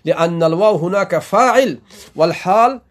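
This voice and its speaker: A man from Afghanistan teaches a classical religious text line by line, pausing to explain the grammar. His voice sits high, and he speaks in a measured way, often restarting a word before going on. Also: animated. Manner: measured explanation with frequent restarts and soft acknowledgements. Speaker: teacher of Quranic exegesis and grammar.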